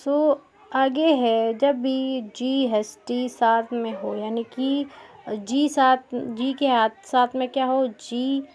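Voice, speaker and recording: Slow, patient woman teaching pronunciation. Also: high voice, steady tone, a little mellow, a little hiss or hum. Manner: slow, repetitive, asks and answers her own questions. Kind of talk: Hindi-language English pronunciation lesson.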